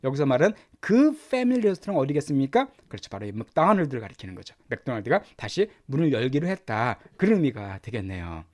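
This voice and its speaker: A middle-aged man teaching English lessons, explaining words and pronunciation with lively repetition. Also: medium pitch, quick pace, few pauses. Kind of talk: Korean-language English lesson.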